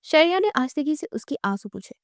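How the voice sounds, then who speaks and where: A woman narrates a romantic novel in an expressive, dramatic storytelling manner. Her voice sits fairly high. The recording is dry and close. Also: no echo. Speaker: audiobook narrator.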